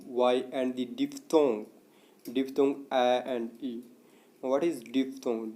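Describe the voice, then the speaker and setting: Hesitant man lecturing with a mellow voice. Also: mid-range voice. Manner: hesitant, many "uh" fillers, repeats points in simpler words. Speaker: literature teacher. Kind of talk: spoken lecture explaining course notes.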